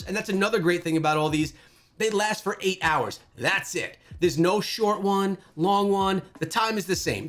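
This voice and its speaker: A man hosting a gaming channel, talking through gameplay with animated exclamations. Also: high voice. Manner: animated and exclamatory, thinking aloud. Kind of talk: gameplay commentary.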